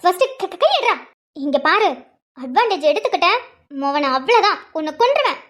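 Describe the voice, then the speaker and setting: A woman voicing a young wife and new mother in a cartoon, quick to anger and scolding her husband. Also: sits high, lively intonation, fairly bright tone. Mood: angry. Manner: snappy, scolding. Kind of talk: cartoon voice acting.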